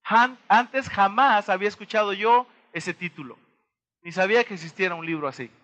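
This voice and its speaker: Bright-voiced Mexican man giving a motivational talk. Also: high voice, moderate pace. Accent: Mexican Spanish. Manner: asks the audience rhetorical questions and acts out little dialogues. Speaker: motivational speaker.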